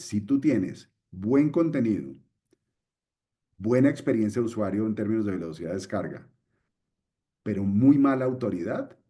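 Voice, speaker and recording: A middle-aged man with a fairly low, dark-toned voice explains things step by step during a screen-share webinar. He goes back over his main points repeatedly.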